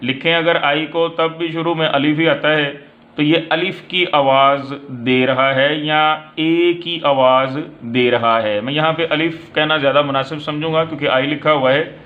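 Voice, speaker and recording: A man, explaining English pronunciation slowly and deliberately, drawing out each example word. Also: on the high side, fairly even intonation. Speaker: English teacher. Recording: dull lo-fi recording.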